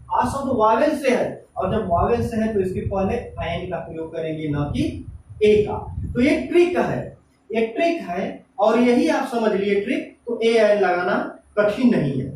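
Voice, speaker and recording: High-voiced man teaching grammar in an echoey room. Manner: explains step by step, repeating questions and answering them himself. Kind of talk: classroom-style grammar lesson. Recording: echoey room, voice from a distance, faint noise.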